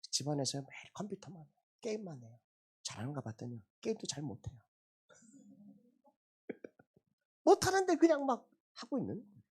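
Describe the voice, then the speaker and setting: A man's voice: medium pitch, husky. A middle-aged man, a pastor, preaching a Sunday sermon in a church sanctuary and telling personal stories with humor. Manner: animated storytelling with personal anecdotes and humor.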